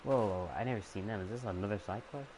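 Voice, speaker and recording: A young man streaming a game, talking casually in a quiet, hesitant way with many fillers and restarts. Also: on the low side, quick pace, background noise.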